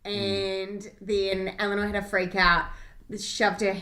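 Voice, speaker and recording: A woman's voice: mid-range voice, flat delivery, slow, pushed and bright. A woman co-hosting a podcast, chatting casually and recapping in a rush with restarts. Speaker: podcast co-host. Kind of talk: casual chat. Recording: echoey room.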